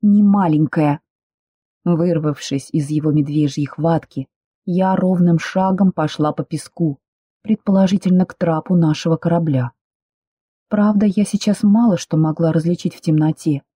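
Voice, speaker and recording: A woman reads a first-person novel aloud with steady, expressive storytelling. Her voice is very dark and slightly husky. The sound is dry and close. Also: low-pitched, normal speed, no echo. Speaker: audiobook narrator.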